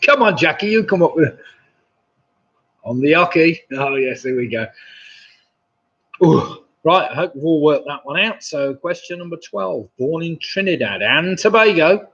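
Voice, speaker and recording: A man's voice: on the high side, lively intonation, unhurried, pauses often, fairly bright tone, slightly rough. A man in his sixties hosting a live online pub quiz from home, chatty and chuckling at viewers' jokes, on a webcam mic. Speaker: quizmaster. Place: home room, indoors. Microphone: webcam mic, seated at desk. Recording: dull lo-fi webcam audio.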